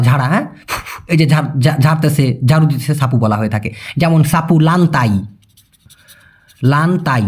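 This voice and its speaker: A young Bangladeshi man giving a casual video lesson, chatty, calling viewers brother and checking that they follow. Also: high voice. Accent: Bangladeshi Bengali. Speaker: language teacher.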